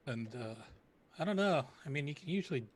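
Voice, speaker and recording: A man describing his character's actions in a tabletop role-playing game, tentative and halting as he improvises. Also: fairly high pitch, expressive.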